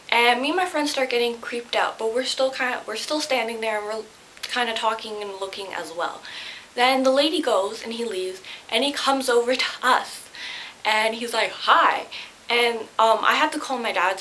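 A young woman vlogger tells a personal story to camera, animated and a bit flustered, in a fairly high voice. She's in a small bedroom, filmed by a camera a short distance away, and the home recording is hissy.

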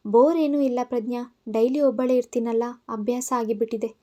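A gentle young wife from an audio story who talks in a soft, unhurried, reassuring way, as a woman narrator voices her. The voice sits high and light. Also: steady tone, close to an everyday voice. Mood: calm. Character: calm, kind pregnant woman, mild and soothing.

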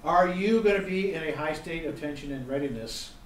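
A man's voice: on the high side, brisk. A middle-aged man teaching a seminar, quizzing the audience and repeating key points with emphasis. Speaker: gliding safety instructor. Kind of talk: interactive seminar lecture. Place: seminar room. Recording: echoey room, distant mic, faint background noise.

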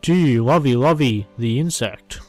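A man voicing a mocking schoolyard bully who taunts loudly and draws out his words. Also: mid-range voice, lively intonation, faint music behind, close to an everyday voice. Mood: taunting. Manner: loud, taunting, drawn-out.

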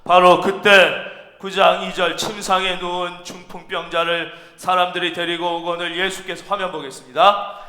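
A man preaching a sermon as pastor, animated, acting out imagined voices and repeating phrases for emphasis. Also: sits high, normal speed. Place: church sanctuary. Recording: echoey church hall.

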